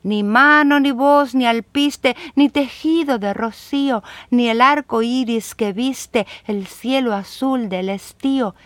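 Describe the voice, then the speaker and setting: Lady reading kids' poems real slow, sing-song rhythm, dry close mic. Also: on the high side, dry recording. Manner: measured, rhythmic recitation. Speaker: reader. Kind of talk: reading children's poems aloud.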